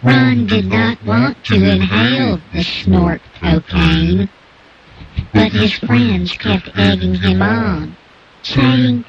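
A man voicing an anonymous male informant through a digitally altered disguised voice, telling his story in a slow, formal, overwrought way. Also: high voice, sing-song, vocal fry, lo-fi sound, crowd noise, heavily acted. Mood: solemn. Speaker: guest informant. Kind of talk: radio comedy bit.

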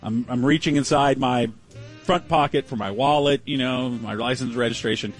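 A man's voice: mid-range voice, normal speed, faint music behind. A man who hosts a sports radio talk show, telling a long story in casual chat, acting out the other people and laughing often.

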